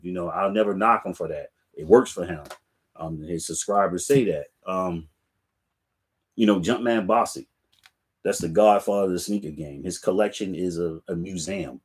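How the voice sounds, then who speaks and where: Laid-back deep-voiced sneaker vlogger man. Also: darkish tone. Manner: laid-back, chatty, talks straight to viewers with fillers. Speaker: sneaker channel host. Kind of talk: casual live chat to viewers. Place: home room lined with sneaker racks.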